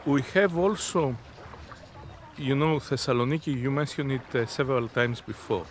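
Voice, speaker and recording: An innovation zone representative in his fifties gives halting, deliberate, unscripted interview answers outdoors by the sea. His mid-range voice carries over the background noise of the shore.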